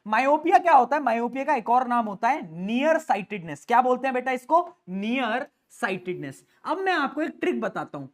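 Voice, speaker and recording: A male teacher giving an energetic exam-prep lecture in a playful, teasing way, mixing English terms into his talk. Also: very high-pitched, brisk, few pauses. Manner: playful, teasing, calls students "beta"; mixes English terms into Hindi.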